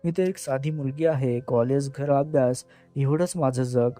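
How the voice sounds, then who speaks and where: A man's voice: mid-range voice, a little slow, dark tone, faint music behind, natural voice. A man voicing a frightened young woman college student, pleading tearfully in an audio story.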